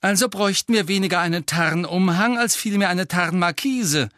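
A man reading an audiobook, voicing a bossy, clever teenage witch girl in a brisk, know-it-all manner. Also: sits high, fairly bright tone, no echo, studio quality, pitched above the performer's own voice. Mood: insistent.

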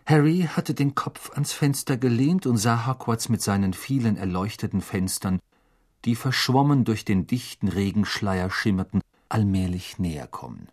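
Narrating an audiobook, a man tells the story in an expressive, dramatic way. His voice is husky and sits on the low side.

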